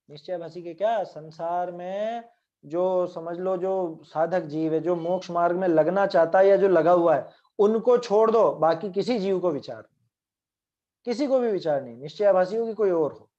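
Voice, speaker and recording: A man's voice: sits high, darkish tone, lo-fi sound. A man giving a religious scripture lecture. He explains at length and keeps checking in with his listeners through short tag questions. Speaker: scripture teacher.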